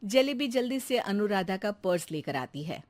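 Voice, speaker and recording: A woman narrating a cartoon story in a steady, matter-of-fact way. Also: medium pitch, moderate pace.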